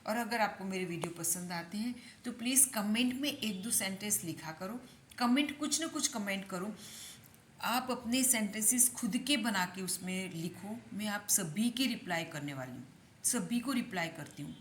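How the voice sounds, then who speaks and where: A woman's voice: mid-range voice, animated, a little hiss or hum. Indian woman, Hindi-speaking English tutor, patient drilling of phrases, echoey room. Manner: repeats English model sentences slowly, explains in Hindi. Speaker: English teacher. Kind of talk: spoken English lesson.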